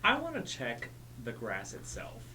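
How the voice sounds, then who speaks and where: A man's voice: mid-range voice, wildly swooping pitch, unhurried, pushed and bright, echoey room. A man playing a tabletop fantasy game, chatting casually as a player. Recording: distant mic, faint background noise.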